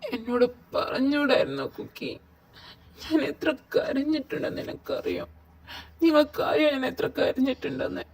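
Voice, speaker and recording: A woman's voice: fairly high pitch, moderate pace, dark tone, lightly acted, rough recording. A woman voicing a hurt young man who is crying, in a fan audio drama. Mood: tearful. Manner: pleading, sobbing questions.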